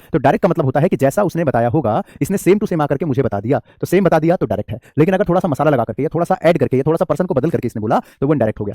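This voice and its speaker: A man's voice: a little high, warm tone, dry recording, clean studio sound. A man teaching an English grammar lesson in a classroom-style lecture. He asks his own questions, answers them, and calls the students "child" affectionately.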